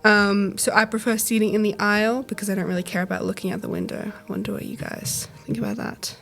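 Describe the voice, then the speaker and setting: A woman's voice: medium pitch, flat delivery, fast talker, gravelly, fairly bright tone, faint music behind. A young woman from Australia hosting a student discussion, hesitant with frequent "um"s. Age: young adult. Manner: hesitant, starts with "um". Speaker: podcast host.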